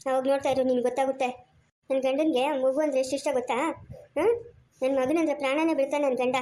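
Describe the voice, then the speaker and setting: A defiant foster mother scolds sharply and refuses to give up the child, played by a woman in a homemade family skit. Her voice is very high and her words come quickly. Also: fairly even intonation, warm tone, echoey room, natural voice. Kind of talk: amateur family skit acting.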